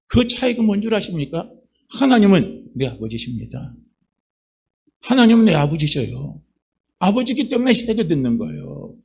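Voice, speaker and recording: Male pastor, fervent sermon delivery, rhetorical questions, fairly high voice with a raspy edge. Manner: rising to loud emphatic preaching, with rhetorical questions and repeated phrases. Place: church sanctuary.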